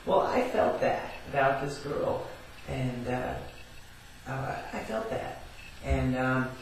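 A man casually telling a personal story, rambling with lots of fillers and building to excited yelling. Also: medium pitch, slow, a little hiss or hum. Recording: very echoey room, far from mic.

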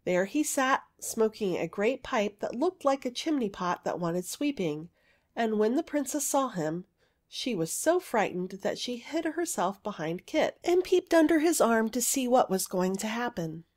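A woman narrating a fairy story in a gentle, even storytelling manner. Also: a little high, measured pace. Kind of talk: audiobook fairy story reading.

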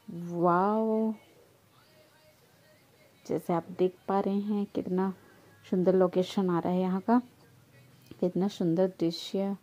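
A woman narrating a travel vlog slowly and descriptively, praising the scenery. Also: mid-range voice, dark tone, highs cut off. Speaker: vlogger.

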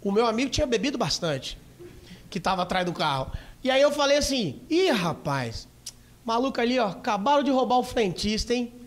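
High-voiced, rowdy Brazilian comic. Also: male voice, big pitch swings, fairly quick. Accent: Brazilian Portuguese. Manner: rowdy, swearing, acts out scenes and voices with sudden shouts. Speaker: stand-up comedian. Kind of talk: stand-up routine. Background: audience laughter.

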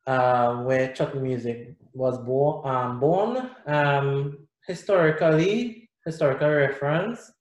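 A middle-aged guest musician from Trinidad and Tobago speaks with a Trinidadian accent in a mid-range voice, slowly and with few pauses. He talks casually and animatedly on a video call, gesturing with his hands as he explains. His webcam picks up the echo of the small indoor room he's in.

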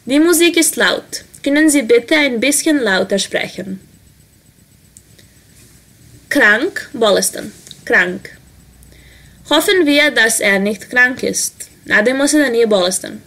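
A woman teaching vocabulary, saying each word and example slowly, then translating it quickly. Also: fairly high pitch, expressive, a bit bright. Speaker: language teacher. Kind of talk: vocabulary lesson.

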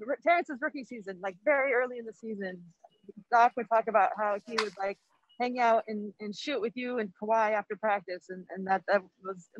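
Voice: medium pitch, no echo. A reporter stumbles through a rambling question to a player at a post-game press conference. The voice is dull and dry, with the speaker sitting back from the mic.

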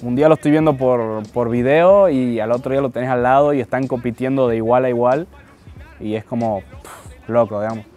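A man's voice: mid-range voice, brisk, mellow, faint music behind. A man in his twenties from Tucumán with an Argentine accent, talking casually and hesitantly in an interview, often repeating words. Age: 20s. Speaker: freestyle rapper interviewed.

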